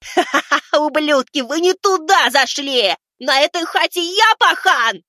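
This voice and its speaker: A shrill, crazed young summoner, taunting and jeering at his foes. The voice sits far above the reader's own, bright and strained, with an odd, unnatural timbre. Dry, close audiobook sound. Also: expressive, measured pace, dry recording, full character voice. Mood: maniacal taunting. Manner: shrill, mocking, taunting cackle. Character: young male summoner turned gleeful, menacing avenger. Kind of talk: audiobook character voice.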